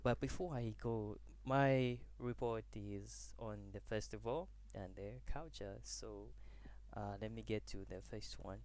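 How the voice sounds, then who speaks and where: Halting, low-voiced man presenting. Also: darkish tone. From Zambia. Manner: halting, searching for words with frequent restarts. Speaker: student presenter. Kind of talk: prepared class presentation.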